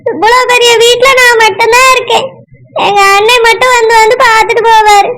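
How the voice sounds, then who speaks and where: A woman's voice: little pitch movement, brisk, sharp tone. A woman voicing a tearful, lonely older village woman in a cartoon, pleading, with a Tirunelveli Tamil accent. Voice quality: very high, squeaky cartoon voice. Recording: clear background noise.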